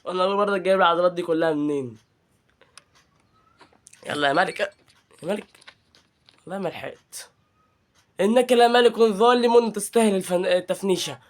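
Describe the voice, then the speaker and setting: A man's voice: high voice, a little fast, long pauses. A young man with an Egyptian Arabic accent commentating his gameplay, playful and teasing as he trash-talks the game. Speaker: gaming channel host.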